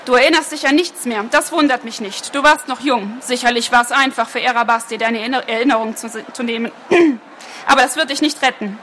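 In an audiobook reading, a woman voices a sinister male villain who speaks coldly and taunts his captive. The voice sits fairly high and sounds bright and sharp. A faint hiss runs beneath it. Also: a little fast. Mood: menacing. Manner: cold, menacing, taunting. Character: sinister adult male villain, icy and mocking.

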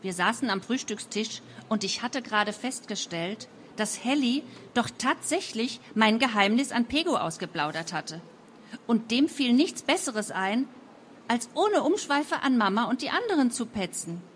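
A woman reading a first-person young adult novel aloud in a lively, wry storytelling manner. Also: fairly high pitch, moderate pace, a little hiss or hum. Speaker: audiobook narrator.

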